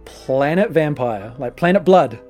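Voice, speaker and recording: A man's voice: on the high side, animated, unhurried, a little mellow, soft background music. A man speaking casually as host and game master of a tabletop role-playing podcast.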